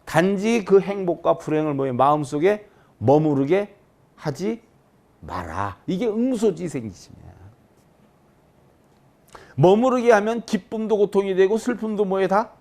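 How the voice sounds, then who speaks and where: A man, a Buddhist monk, giving a dharma lecture and keeping his listeners engaged with rhetorical questions, swinging from loud high emphasis down to soft low asides. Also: expressive, normal speed.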